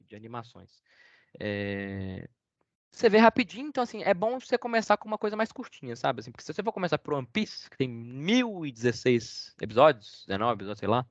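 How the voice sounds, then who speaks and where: A man's voice: medium pitch, no echo. A man with a Brazilian accent giving a casual online talk, hesitant and rambling with many fillers and restarts. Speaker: guest speaker. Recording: dull, dry lo-fi call audio.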